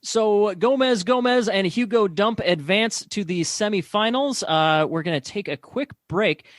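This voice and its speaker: High-voiced hesitant mock sports announcer. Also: male voice, measured pace, no room sound, clean studio sound. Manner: hesitant, filler-heavy, deadpan. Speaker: play-by-play announcer.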